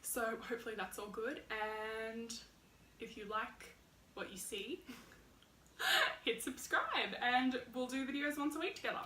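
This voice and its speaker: Aussie girl doing her first eating show, bright and bubbly, sounds far off in an echoey room. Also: fairly high pitch, unhurried, slight background noise. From Australia. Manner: chatty and excitable, says she is projecting her voice. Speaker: mukbang vlogger. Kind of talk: casual eating-show chat to camera. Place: hot room at home, indoors. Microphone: camera set far away. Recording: echoey room, camera at a distance.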